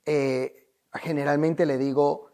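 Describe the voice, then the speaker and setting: A man's voice: on the high side, level tone, takes it slowly, dark tone. A Venezuelan man, a life coach, telling his story in an interview in an earnest, emphatic, motivational way.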